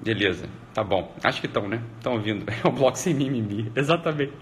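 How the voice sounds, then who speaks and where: A man's voice: medium pitch, animated, fast, a little hiss or hum. A man hosting a live stream, talking casually and rambling, with frequent "né" and restarts. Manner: rambling, heavy use of "né" and restarts. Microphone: computer or phone mic on a live stream.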